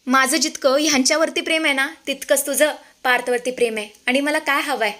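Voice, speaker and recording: Casting: a woman playing a firm, proud mother-in-law, fairly high voice. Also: steady tone, brisk, bright, forceful tone. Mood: remorseful. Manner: firm, then apologetic. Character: stern mother-in-law turned remorseful.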